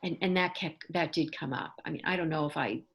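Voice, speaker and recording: A woman's voice: low voice, brisk, creaky. A woman leading a casual book club discussion, hesitant with many restarts and fillers, at times reading a passage aloud.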